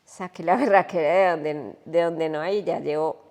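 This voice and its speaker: A woman, a podcast guest telling a personal story in an animated, emotional way. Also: low-pitched, moderate pace, in a large hall.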